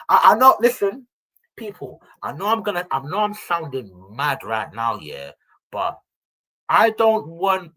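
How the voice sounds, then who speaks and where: A man's voice: mid-range voice, breathy edge, rough recording. A young man, a football podcast regular giving his opinions in casual, slangy banter. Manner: animated slangy banter, addressing listeners as people. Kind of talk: casual fan chat.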